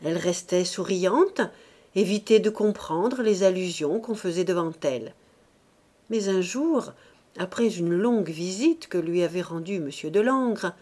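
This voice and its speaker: A woman reading a classic novel as an audiobook narrator, in an expressive, measured way. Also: fairly low pitch. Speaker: audiobook reader. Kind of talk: scripted narration.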